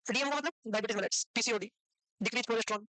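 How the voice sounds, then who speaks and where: A woman's voice: a little high, rapid-fire, bright, forceful tone, no room sound. A woman teaching a nursing exam class in a classroom, quizzing her students and scolding them for not knowing the answers. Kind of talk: classroom lecture.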